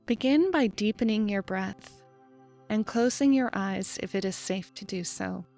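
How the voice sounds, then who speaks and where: A woman hosting a podcast, leading a guided meditation in a calm, slow and measured voice with soft pauses. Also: medium pitch, soft background music. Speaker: podcast host.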